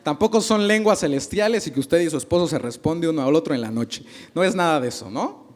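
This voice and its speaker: A man's voice: on the high side, expressive, fast talker. A male pastor preaching a sermon, asking the congregation questions and acting out little dialogues.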